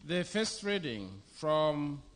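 A middle-aged bishop preaches into a podium microphone under an open-air canopy. His voice sits a little high for a man, and he delivers the sermon very slowly, one short phrase at a time. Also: lively intonation. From Zambia. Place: outdoor covered church venue.

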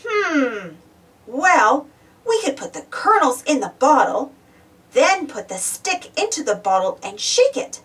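A woman with a high-pitched voice reads a children's storybook aloud, her pitch swinging widely as she exclaims and asks the young listeners questions. Her pace is slow, her tone slightly bright, and she was recorded from a distance. It's an animated read-aloud for kids.

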